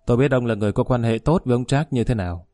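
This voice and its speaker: A man's voice: mid-range voice, rapid-fire, warm tone, no room sound, clean studio sound, natural voice. A man voicing a shrewd, bullying middle-aged male security chief who talks bluntly and gives orders. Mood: scheming.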